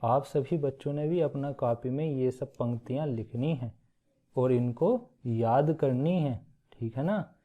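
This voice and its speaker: A man teaching young children, explaining a poem slowly, reciting it in a sing-song way and often checking that they follow. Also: medium pitch, warm tone. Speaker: primary school teacher. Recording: tinny phone-like audio.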